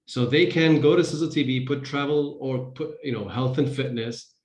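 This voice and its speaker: A man's voice: medium pitch, normal speed, roomy sound, low-quality recording. A man hosting a casual business interview over a video call, thinking aloud with restarts. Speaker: host.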